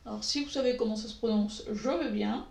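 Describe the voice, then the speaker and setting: Woman going through makeup swatches real slow, kinda high voice, lots of pauses, roomy echo. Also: creaky, a little mellow. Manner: slow, hesitant, many pauses and fillers. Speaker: beauty vlogger. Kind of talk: makeup tutorial talk. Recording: echoey room.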